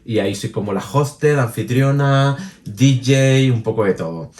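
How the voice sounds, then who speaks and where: A Chilean man speaking as an interview guest, chatting casually and lively, with many restarts and laughs. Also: medium pitch, unhurried, far from the mic. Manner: animated, many restarts and fillers, laughs easily. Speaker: interview guest, drag performer and DJ. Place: room with a jacuzzi.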